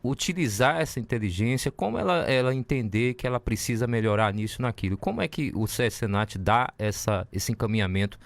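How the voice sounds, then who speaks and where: A man's voice: mid-range voice, a little fast, gravelly, few pauses, dry recording. A man with a Bahian Brazilian accent interviewing a guest, circling and restarting as he builds long questions. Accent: Bahian Brazilian Portuguese. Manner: rambling, restarts often while framing questions.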